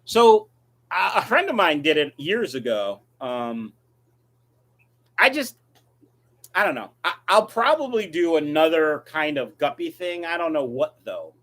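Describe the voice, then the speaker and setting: A man's voice: a little high, sing-song, measured pace, fairly bright tone. A man hosting a casual livestream, reading viewer questions and answering them in a blunt, offhand way. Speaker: livestream host, aquarium fish breeder.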